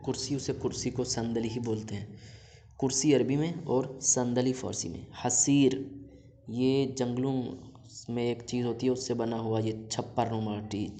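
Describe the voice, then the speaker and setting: A man teaching a recorded language lesson, reading out word lists slowly and then explaining each word plainly to his students. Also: medium pitch, mellow. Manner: addresses students directly with instructions.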